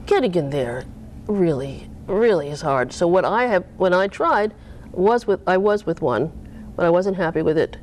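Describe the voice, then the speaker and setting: Animated woman author, swooping pitch. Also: normal speed, slight background noise. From Cape Cod, US. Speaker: author being interviewed. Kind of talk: casual interview talk.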